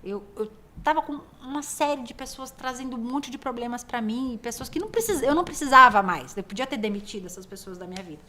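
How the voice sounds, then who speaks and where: A woman's voice: a little high, expressive, fast talker, few pauses, pushed and bright. A woman hosting a podcast, explaining her points and acting out bits of quoted dialogue. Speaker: podcast host. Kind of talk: casual interview talk.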